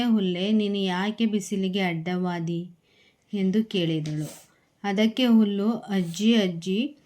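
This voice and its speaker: Slow, careful woman reading a story. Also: mid-range voice, warm tone. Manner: slow, clear storybook reading with repeated calls. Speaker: teacher. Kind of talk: reading a story aloud, then explaining it.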